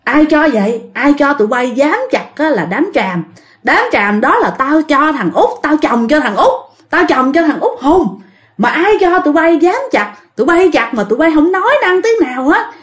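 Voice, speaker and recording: A scolding old grandmother ghost in a spoken ghost story, as a woman narrator puts her on. She accuses sharply. Her voice is high and swoops all over. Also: lively intonation, moderate pace. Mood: furious scolding. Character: ghost of an angry old grandmother possessing her daughter-in-law.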